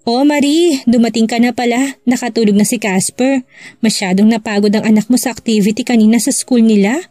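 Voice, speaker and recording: A woman's voice: on the high side, brisk, mellow, no echo, faint music behind, lightly acted. A woman voicing a kindly older aunt who babysits, chatty and reassuring, in a storybook reading.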